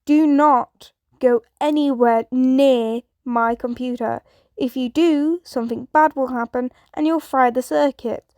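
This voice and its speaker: A woman's voice: sits high, fairly even intonation, a little slow, a little mellow, dry recording. A woman voicing a teenage boy hero in a fan fiction reading, tense but trying to sound casual.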